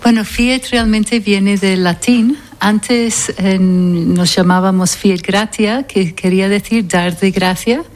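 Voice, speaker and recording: A woman from Scotland who founded and directs an NGO, answering interview questions in an earnest, thoughtful way, pausing to find words. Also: mid-range voice, steady tone.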